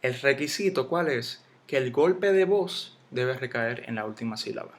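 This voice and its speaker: A man teaching a Spanish spelling lesson, slowly spelling out syllables and letters. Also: medium pitch, animated.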